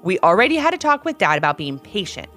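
A woman voicing an eager young boy looking forward to his birthday, excited and a little sneaky. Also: medium pitch, fast, soft background music.

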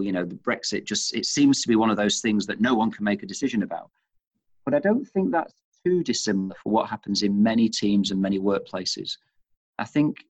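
On a poor recording, a middle-aged Englishman with a Manchester accent speaks in a slightly rough voice on the low side. As head of an organization, he answers leadership interview questions, repeating words frequently as he works through his point.

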